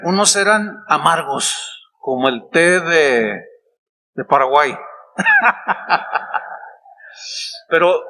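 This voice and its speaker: A male pastor preaches in a high, bright voice. He speaks conversationally, tossing rhetorical questions and playful asides to the congregation. A faint hiss of noise sits under the recording. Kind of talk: sermon. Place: church meeting.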